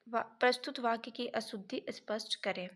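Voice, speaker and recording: Woman teacher going over test questions step by step, stops now and then to check her notes, voice a bit high. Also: a bit bright. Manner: reads options then corrects them step by step; pauses to check notes mid-sentence. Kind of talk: exam prep lesson.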